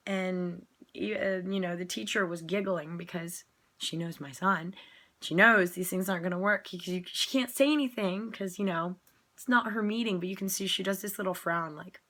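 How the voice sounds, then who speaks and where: A woman's voice: on the low side, normal speed, pushed and bright. Sick, coughing woman venting frankly. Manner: tired and frank, acting out quoted exchanges. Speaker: parent sharing a video diary. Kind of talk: casual chat to camera. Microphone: phone or webcam recording.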